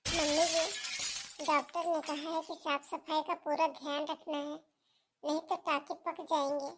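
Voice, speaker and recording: A wounded young daughter-in-law from a family melodrama, acted by a woman. She speaks in a high, pleading voice. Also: flat delivery, unhurried, a bit bright, slight background noise. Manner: pleading, plaintive.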